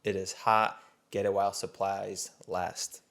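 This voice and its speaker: A man hosting a podcast reads the opening and announcements in an upbeat, announcer-like manner. His voice is low and stays fairly level in pitch. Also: little pitch movement, unhurried, creaky, fairly bright tone. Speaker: podcast host. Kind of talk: scripted show intro.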